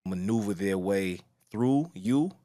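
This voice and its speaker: A man's voice: fairly low pitch, expressive, slow, warm tone, no room sound, studio quality. A man hosting a podcast, talking loosely in slang and acting out what people said to him. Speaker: podcast host. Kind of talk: casual chat.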